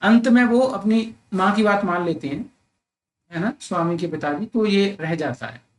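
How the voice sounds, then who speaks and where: A male literature teacher walks his students through a novel chapter. He reads each English summary line slowly and deliberately, then explains it in a chatty, conversational way, often adding little check-in questions for his listeners. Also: high-pitched, animated. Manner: frequent tag questions to the listener.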